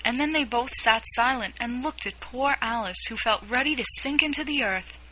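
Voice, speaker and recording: A woman narrating a classic storybook aloud in a measured, expressive reading. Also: fairly high pitch, rough recording. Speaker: audiobook narrator.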